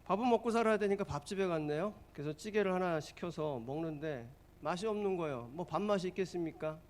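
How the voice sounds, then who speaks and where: A male pastor delivering a sermon in a storytelling way, with a voice a little higher than most men's. He often turns to his listeners with questions and then answers them himself. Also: animated, fast. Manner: storytelling, asks the congregation questions.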